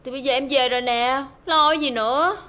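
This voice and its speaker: A carefree young woman, kinda high voice, teasing tone. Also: steady tone, a little fast, pushed and bright. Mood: breezy. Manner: breezy, teasing. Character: carefree young woman brushing off her partner. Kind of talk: TV drama acting.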